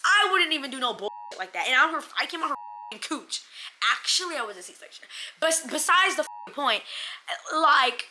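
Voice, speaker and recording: A young-sounding woman spins a storytime for her phone camera, her tone very bright and a touch high. She talks in lively slang, cursing freely and acting out every quote. A faint hiss sits under the recording. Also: a little fast. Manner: animated, slangy, swears a lot, acts out quotes. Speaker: storyteller vlogger. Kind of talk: casual storytime vlog.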